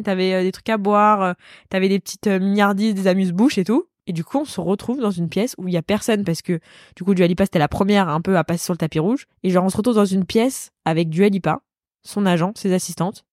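A young woman from Paris tells a story to her podcast co-host at a rapid clip, packing in fillers and playing out quotes from the scene. Her tone is on the darker, mellow side, recorded close and dry. It sounds like a relaxed chat between friends. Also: medium pitch, no echo. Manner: rapid, filler-heavy, lively retelling with acted-out quotes.

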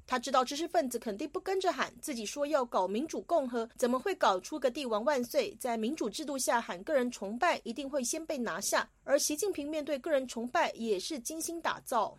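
A woman radio reporter reading a scripted news report in a steady, formal way. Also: high-pitched, fairly quick, hardly any pauses, no room sound, clean studio sound.

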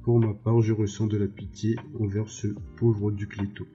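A man voicing a cruel, scheming baron who speaks slowly and mockingly. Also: lowish voice, little pitch movement, dark tone, muffled recording, soft background music, natural voice. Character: cruel scheming male baron, older, menacing.

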